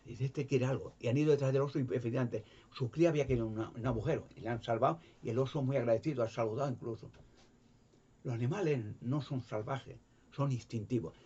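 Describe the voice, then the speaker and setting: A man giving an impassioned religious monologue, animated, acting out voices and sounds. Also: fast, breathy edge. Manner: animated, jumps in pitch to act out voices and sounds. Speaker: video presenter. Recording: dull lo-fi recording.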